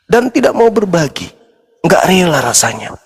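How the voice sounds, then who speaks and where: A man quoting his devout adult wife, speaking her words softly and earnestly in his own voice. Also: high-pitched, sing-song, moderate pace, creaky, husky, long reverb tail, exaggerated voice. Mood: tender.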